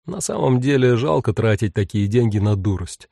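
A man reading an audiobook, telling the story in an expressive and ironic way. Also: lowish voice, moderate pace, vocal fry, no room sound, clean studio sound. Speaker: narrator. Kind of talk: audiobook narration.

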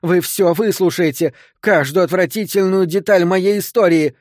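A man reading an audiobook, voicing a deranged grieving woman who confesses to a killing, hoarse with rage and near sobbing. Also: normal speed, warm tone, no room sound, studio quality, natural voice. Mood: shrieking. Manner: shrill, vengeful outbursts.

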